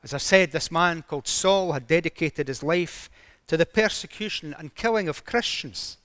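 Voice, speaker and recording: A man's voice: a little high, lively intonation, normal speed, a bit bright, no echo. A man preaching a sermon, retelling a story dramatically with emphatic rises in his voice.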